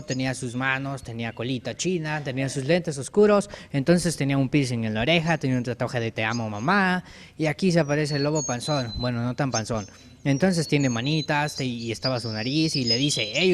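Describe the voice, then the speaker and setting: A man's voice: medium pitch, background noise. A man with a Mexican accent casually improvising a children's story as he draws, joking and correcting himself as he goes. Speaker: narrator. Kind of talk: improvised storytelling while drawing.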